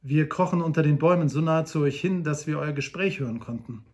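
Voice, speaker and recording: A man's voice: fairly high pitch, brisk, close to an everyday voice. A man voicing a great hunter who speaks firmly and with command in an audiobook. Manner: firm, commanding. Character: great commanding male hunter, calm and firm.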